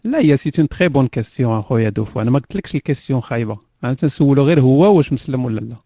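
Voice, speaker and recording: A man's voice: medium pitch, lively intonation, very fast, mellow, dry recording. A man with a Moroccan accent hosting an online voice chat room, teasing the people he talks to, laughing often and dropping in French words. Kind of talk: casual chat. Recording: dull, dry lo-fi voice chat audio.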